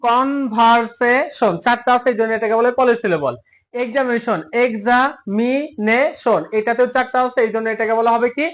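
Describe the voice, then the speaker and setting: A man's voice: very high voice, fast. A male English teacher giving a classroom lesson, asking questions and answering them himself, and spelling words out syllable by syllable.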